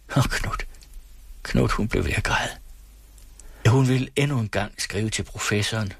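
A man narrating a novel as an audiobook in a steady, measured reading. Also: fairly low pitch, gravelly, breathy edge, no room sound.

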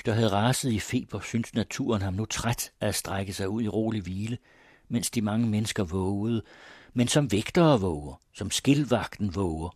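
Husky low-voiced male narrator. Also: darkish tone, no echo, clean studio sound. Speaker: audiobook narrator. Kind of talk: scripted narration.

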